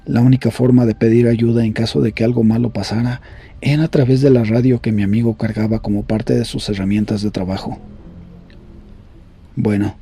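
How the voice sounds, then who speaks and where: A man reading horror stories aloud in a grave, measured storytelling voice. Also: medium pitch, gravelly, dark tone, breathy edge. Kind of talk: scripted horror story narration.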